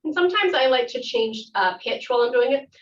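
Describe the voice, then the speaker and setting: A woman theater instructor leading an interactive workshop, calm and guiding, slowing down for visualization. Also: high voice, slight background noise. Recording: muffled audio from far off.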